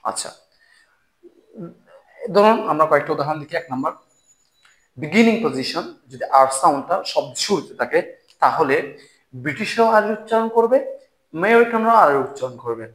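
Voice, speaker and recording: A man teaching English pronunciation to Bengali speakers. He explains clearly and encouragingly and repeats each example word slowly three times for viewers to repeat. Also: a little high, expressive, fairly bright tone. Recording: echoey room.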